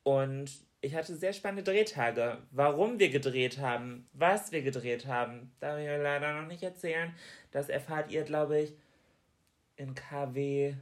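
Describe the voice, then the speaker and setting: A man co-hosting a relaxed chat podcast in a brisk, chatty way. He likes to tease and nudge his co-host along. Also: a little high. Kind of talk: casual chat.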